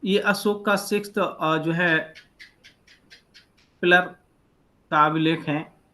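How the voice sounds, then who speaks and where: A man's voice: a little high, fairly even intonation, takes it slowly, sharp tone. A man teaching an online class over a video call, patiently explaining letter by letter. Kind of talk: online lecture.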